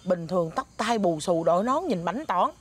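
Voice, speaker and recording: A woman's voice: fairly low pitch, expressive, normal speed, breathy edge. A woman playing a stubborn, caring Southern woman. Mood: insistent. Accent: Southern Vietnamese. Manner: insistent, pleading. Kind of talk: southern Vietnamese comedy sketch acting.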